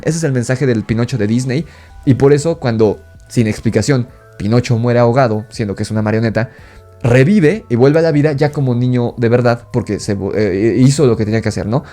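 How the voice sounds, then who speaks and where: A man with a Mexican accent giving an animated, casual film review, rising in pitch when indignant.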